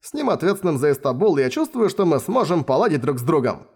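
A man's voice: a little high, big pitch swings, fast, darkish tone, husky, full character voice. A man voicing a cheerful, naive young male soldier with an eager manner in an audiobook.

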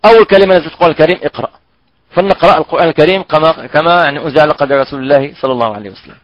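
Guy teaching quran recitation, kinda high voice, stops a lot and stretches sounds out slow to demo them, muffled dry recording. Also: no room sound. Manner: halting, repeats and drags out sounds to demonstrate pronunciation. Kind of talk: recorded online tajweed lesson.

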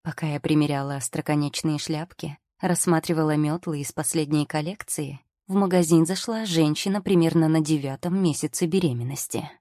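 A woman's voice: low voice, brisk, warm tone, no room sound. A woman narrating an audiobook in the first person with a wry, ironic storytelling manner, recorded on a close studio mic.

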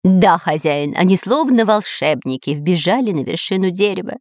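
A woman voicing an anxious, excitable male parrot servant in a storybook reading, making excuses. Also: on the low side, moderate pace, dry recording, clean studio sound, close to an everyday voice. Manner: fussy, justifying himself.

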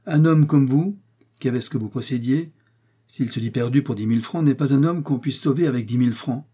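A man voicing a shrewd, blunt older village mayor from Normandy, lecturing his son-in-law in a dark, husky voice. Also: mid-range voice, fairly quick, lightly acted. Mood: stern.

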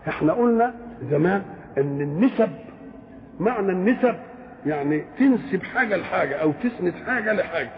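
A high-pitched, gravelly man with an Egyptian Arabic accent gives a religious lecture. He asks his own questions, then answers them, and recites verses slowly. The sound is tinny and phone-like, with a faint hiss. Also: lively intonation. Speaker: Quran commentator.

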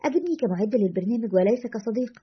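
A stubborn, rebellious radio host with a dry, defiant way of talking, voiced by a woman reading a story. The voice is a little high and husky, and the lines go fast. The recording sounds dull and lo-fi. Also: lively intonation.

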